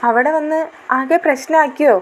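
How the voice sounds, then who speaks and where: A woman's voice: sits high, steady tone, normal speed, slight background noise, voice pushed up, lightly acted. A woman voicing a curious teenage girl who pesters her older sister with prying, teasing questions. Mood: worried.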